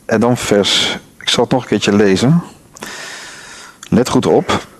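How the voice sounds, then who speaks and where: Low-voiced man teaching from scripture. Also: takes it slowly, husky. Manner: reads scripture aloud and asks the listeners questions. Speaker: Bible teacher. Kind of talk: Bible study talk.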